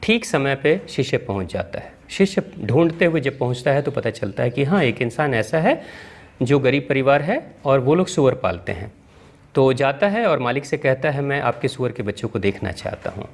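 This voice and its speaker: A man, a spiritual teacher, telling a spiritual story in an animated, vivid way. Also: mid-range voice, moderate pace.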